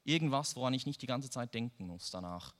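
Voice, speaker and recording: Man reading a blunt bored young guy in a storybook, mid-pitched voice, long reverb trailing off. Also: expressive, fairly quick, a bit bright, lightly acted. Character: young man Jack, bored hospital friend.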